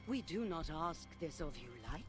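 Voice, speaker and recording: A woman's voice: low-pitched, big pitch swings, moderate pace. A woman voicing a stern female company boss making a formal announcement to her workers. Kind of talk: video game voice acting. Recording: game music behind voice.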